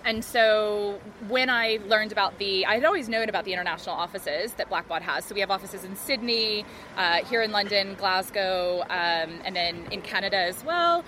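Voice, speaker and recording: A woman's voice: medium pitch, normal speed, hardly any pauses, bright, forceful tone, slight background noise. A woman with an American accent talking casually as a podcast guest. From United States. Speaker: podcast guest, charity technology professional. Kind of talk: casual interview chat.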